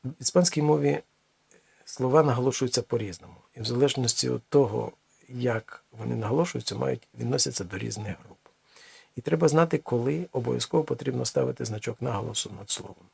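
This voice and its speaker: A man teaching a language lesson, explaining slowly with many pauses and restarts. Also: mid-range voice, creaky, darkish tone, breathy edge, dry recording.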